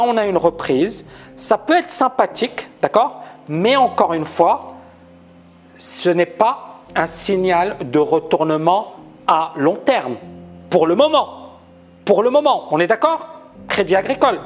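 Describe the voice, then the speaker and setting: A man teaching trading on a live stream, animated and emphatic, constantly asking viewers questions. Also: sits high. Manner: talks to viewers, asks many questions. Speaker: trading educator. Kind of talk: live-stream market analysis.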